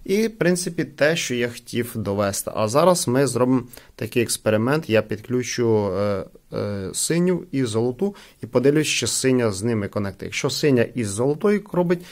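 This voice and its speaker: At a wooden table indoors, a man does a casual hands-on product demo of gadgets, explaining and often saying things twice. His medium-pitched, slightly mellow voice has lively intonation and runs a little fast with few pauses.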